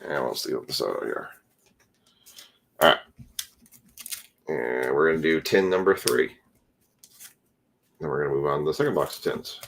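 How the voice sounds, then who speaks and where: Casting: tired man, very low voice, relaxed card-break host listing player names. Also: normal speed, vocal fry, pauses often, a little hiss or hum. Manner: relaxed, rattles off player names as he opens packs. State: tired, yawning. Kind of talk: casual live card-break commentary.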